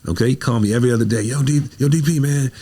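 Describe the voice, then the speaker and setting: An American playwright and director appears as a podcast guest, giving a motivational conversational talk in an emphatic, preacherly style and often repeating phrases. His medium-pitched voice is mellow, slightly rough, and racing.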